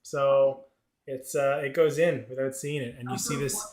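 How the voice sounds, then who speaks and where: A man narrating a tabletop game as game master, halting and searching for words. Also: mid-range voice, fairly even intonation, a loud crowd.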